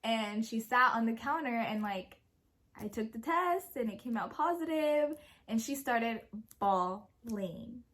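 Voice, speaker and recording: A young woman and parent telling a story in a casual question-and-answer video, chatty and quick to laugh. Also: on the high side, lively intonation, a bit bright. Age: young adult. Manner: giggly, laughs often while telling a story; chatty, full of fillers and quoted speech. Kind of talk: casual Q&A chat.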